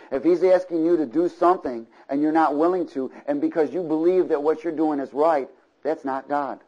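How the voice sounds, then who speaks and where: A man's fairly high, slightly mellow voice carries a sermon to a church congregation, though the recording has its highs cut off. His delivery is built on rhythmic repeated phrases and frequent call-and-response checks for agreement.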